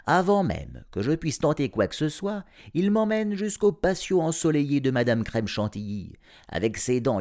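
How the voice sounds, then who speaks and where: A man reading an audiobook aloud, narrating as a grumpy cat in a sardonic, animated first-person voice. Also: medium pitch. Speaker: storyteller.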